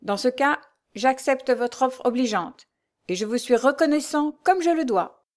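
A woman reading as a courteous young provincial gentleman. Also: sits high, a little slow, voice pushed up. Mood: grateful. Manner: courteous, formal.

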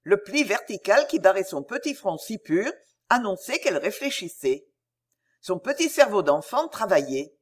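A woman narrating a story aloud as an audiobook. Her delivery is expressive and animated, with a wide, lively pitch range around a mid-height voice. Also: normal speed.

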